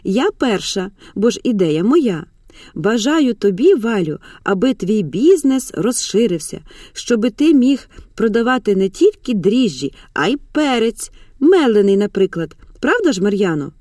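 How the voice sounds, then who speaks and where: A woman's voice: medium pitch, big pitch swings, measured pace, no room sound, studio quality. A woman voicing a bitter middle-aged mother. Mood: playful. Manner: curt, sharp.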